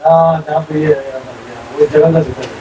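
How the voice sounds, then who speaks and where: A man's voice: a little high, a little slow, warm tone, a little hiss or hum, rough recording. A man answering a teacher's questions in a class, giving short, hesitant replies. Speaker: student. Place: classroom with other students.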